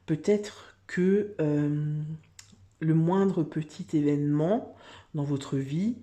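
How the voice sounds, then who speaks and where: Female tarot reader for a video channel, relaxed dark tone, chatty and hesitant. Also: low voice, extremely slow. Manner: chatty, hesitant with many fillers. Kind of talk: casual tarot reading monologue.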